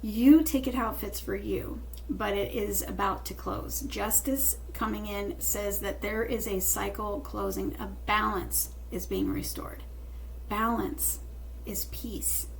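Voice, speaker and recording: Casting: female tarot reader, mid-pitched, reassuring and emphatic, speaking to the viewer over faint room noise. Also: fairly even intonation, a little slow, creaky, rough recording. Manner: reassuring, emphatic with repeated phrases. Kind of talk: tarot reading addressed to the viewer.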